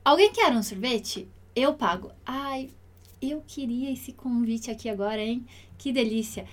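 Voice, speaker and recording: A Brazilian woman with a high voice leads an online Italian lesson. She speaks patiently and clearly, slowing down to repeat each word for pronunciation. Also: lively intonation. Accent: Brazilian Portuguese. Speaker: Italian teacher.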